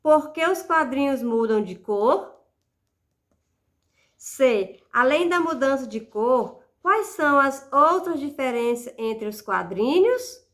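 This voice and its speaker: A woman's voice: high-pitched, expressive, slow pace. A woman teacher giving a lesson, speaking patiently and stretching out syllables as she sounds out words. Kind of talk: recorded classroom lesson.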